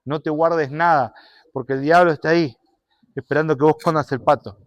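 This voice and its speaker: A man preaching a sermon and telling a story, animated, shifting between loud and soft. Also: a little high, fairly quick, no room sound.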